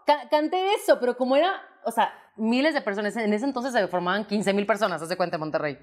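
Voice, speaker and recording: A Mexican woman in her thirties talks as a guest on an interview show. She tells her stories with energy, slipping into quick acted-out quotes of the people in them. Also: on the high side. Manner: lively anecdotes with acted-out quotes. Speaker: interview guest, singer and actress. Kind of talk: casual storytelling interview.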